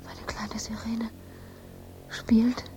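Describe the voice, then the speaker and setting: In a radio drama monologue, an actress voices a woman sculptor who is anguished, exhausted and obsessive. She speaks in halting fragments that often fade into breathy whispers, her pitch sitting on the high side with little movement. The mood is strained and awed.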